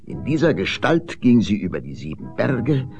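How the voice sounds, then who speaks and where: A man reading a fairy tale aloud with expressive, sweeping storytelling. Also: mid-range voice, normal speed, music in the background.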